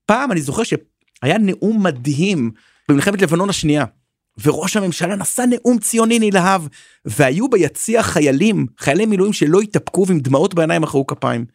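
A man speaking as a guest political commentator in a casual interview, animated and swinging between high emphatic bursts and low asides. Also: dry recording, studio quality.

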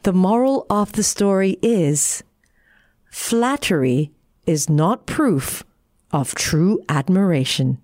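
A woman reading a bedtime sleep story for young children in an expressive storybook manner. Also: fairly low pitch, takes it slowly. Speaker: story reader.

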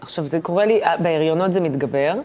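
In a laid-back interview, a female guest who works as an impressionist animates her anecdotes by voicing the people in them. She speaks at a low pitch.

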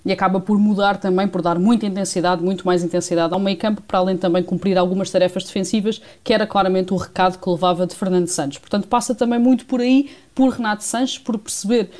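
A woman's voice: medium pitch, fairly even intonation, quick pace, hardly any pauses, a little mellow. A woman with a European Portuguese accent giving live radio football analysis as a reporter, with some self-correction. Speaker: sports reporter.

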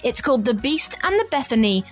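A woman's voice: high voice, very animated, brisk, soft background music. A woman hosting a show, presenting book recommendations in an enthusiastic, chatty way.

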